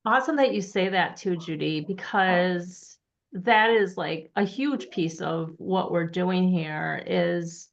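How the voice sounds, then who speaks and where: A woman's voice: fairly low pitch, slow pace, vocal fry. A woman in her fifties co-hosting a podcast, talking in an upbeat, motivational way. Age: 50s. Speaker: podcast co-host. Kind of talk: casual podcast chat. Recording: dull lo-fi sound.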